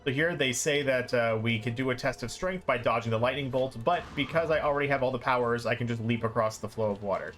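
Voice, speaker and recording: Over soft game music on a live stream, a man with a mid-range, slightly bright voice talks fast with few pauses. He's a streamer playing and explaining a game, rambling casually in an informal, self-deprecating way.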